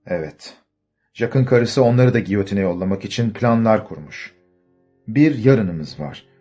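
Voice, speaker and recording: A man's voice: fairly low pitch, expressive, a little slow, dark tone, soft background music. A man voicing a grave, determined young man in an audiobook, speaking urgently and with command.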